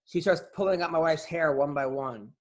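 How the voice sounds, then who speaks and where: A man's voice: fairly high pitch, moderate pace, a little mellow. A man on a podcast talking casually as an unsure new father who rambles while asking for parenting advice. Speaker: podcast co-host. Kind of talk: casual chat.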